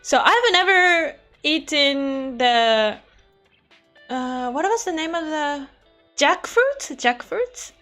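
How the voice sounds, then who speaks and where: Bright, high-voiced woman streamer, playful. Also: slow pace, soft background music. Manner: animated, playful, expressive reactions. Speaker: VTuber streamer reading chat. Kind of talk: casual livestream chat while studying Spanish.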